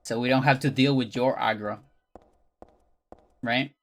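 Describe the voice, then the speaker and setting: A game streamer with a Chilean accent and a medium-pitched voice, a native Spanish speaker. The talk is casual and off the cuff, aimed at a live chat. The manner is playful and teasing. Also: fairly even intonation, measured pace. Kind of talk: casual livestream chat while gaming.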